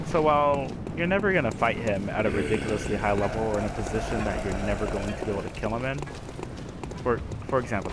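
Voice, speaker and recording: Man ranting over loud game audio. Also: on the low side, very noisy. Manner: rambling, profane, yells at the boss. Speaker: gaming let's-player. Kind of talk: casual gameplay commentary.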